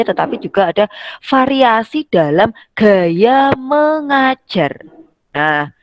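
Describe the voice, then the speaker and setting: A woman's voice: mid-range voice, dry recording. A middle-aged woman lecturing on teaching skills in a conversational way, acting out classroom examples with changing intonation. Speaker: university lecturer.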